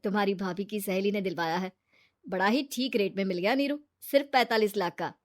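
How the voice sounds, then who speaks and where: A woman voicing a young married man, blunt and stern with his wife, in her own fairly high voice. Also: a little fast, close to an everyday voice. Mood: proud.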